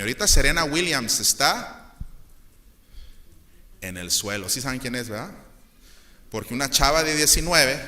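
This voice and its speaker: Mexican male pastor, lively, humorous sermon delivery, bright forceful tone. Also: medium pitch. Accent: Mexican Spanish. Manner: joking, lively, acts out quoted voices.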